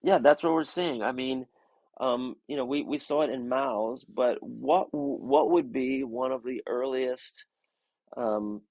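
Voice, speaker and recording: A man's voice: mid-range voice, unhurried, creaky, darkish tone, dry recording, rough recording. A man co-hosting a comics chat show and talking casually, rambling with lots of filler words. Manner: rambling, many "you know" fillers. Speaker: comics podcast co-host and art teacher. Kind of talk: casual conversation.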